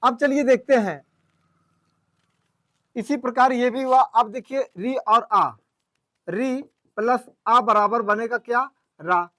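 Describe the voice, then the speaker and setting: A man's voice: very high voice, takes it slowly, long pauses, a bit bright, no room sound. A man teaching a grammar class, explaining step by step and often checking that his students follow. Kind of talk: classroom lecture.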